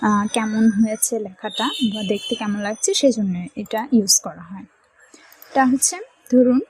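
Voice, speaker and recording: A woman's voice: fairly high pitch, darkish tone, husky, no echo, poor audio. A woman with a Bangladeshi Bengali accent teaching a computer tutorial, explaining each step and often checking that the viewer is following. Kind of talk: screen-recorded software tutorial.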